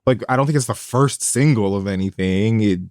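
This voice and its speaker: A man's voice: on the low side, brisk, a little mellow, no echo, studio quality. A man co-hosting a podcast in casual, joking chat, sarcastic and swearing freely. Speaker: podcast co-host.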